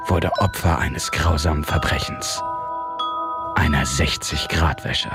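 A man's voice: a bass voice, steady tone, takes it slowly, over loud music, heavily acted. A man playing a grave, ominous narrator of a crime audio drama, in dramatic scripted narration.

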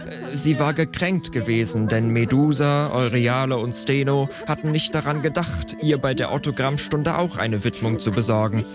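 A man playing a pedantic narrator in a comic audio drama, digressive and halting as he explains. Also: mid-range voice, close to an everyday voice. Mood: wry, rambling. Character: pedantic, rambling male narrator recalling family gossip. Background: instrumental music.

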